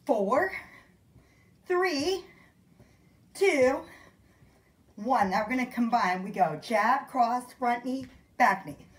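Woman fitness instructor, unhurried cueing, winded, encouraging, roomy echo. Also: fairly high pitch, animated. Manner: upbeat, counts out moves, calls encouragement. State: out of breath. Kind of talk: workout class instruction. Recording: echoey room.

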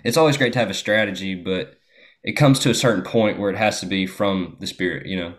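A man's voice: deep voice, a little fast. A young American man casually telling a story with lots of fillers. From United States. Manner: relaxed storytelling with many fillers. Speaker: guest. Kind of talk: casual chat.

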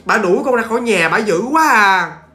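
A man's voice: sits high, takes it slowly, pitched above the performer's own voice. A man voicing the ghost of a young man, pleading and complaining that he is shut out of his home. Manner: whiny, complaining.

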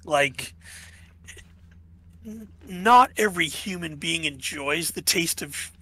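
On a low-quality recording, a podcast co-host with a slightly high, sharp voice speaks slowly while chatting casually about philosophy. He tends to add "right?" to check in, and his voice is going.

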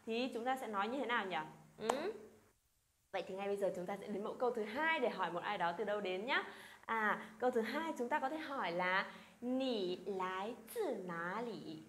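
A woman teaching a language lesson, drilling example phrases slowly and coaxing her students to repeat aloud. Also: fairly high pitch, a bit bright, roomy sound, a little hiss or hum. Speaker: Chinese teacher.

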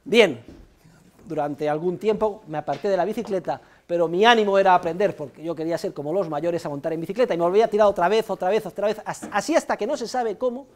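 Speaking quickly at a high pitch with hardly any pauses, a middle-aged Spanish economics professor lectures a university class. He has a Spanish accent, stays lively, hammers home key points by repeating them, and ends phrases with a questioning "eh".

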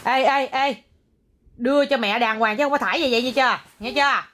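A woman's voice: high voice, fairly quick, a bit bright. A young woman at home talking to her small child, coaxing and scolding as a mother. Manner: coaxing, scolding and exclaiming at a toddler. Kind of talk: casual home video.

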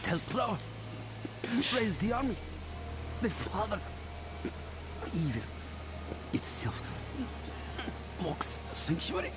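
A man playing a terrified, dying soldier in a video game, pleading in a cowering, broken, halting way. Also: high voice, big pitch swings, very noisy, full character voice. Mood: cowering plea. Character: terrified dying soldier, survivor of a demon attack. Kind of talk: dramatic video game acting.

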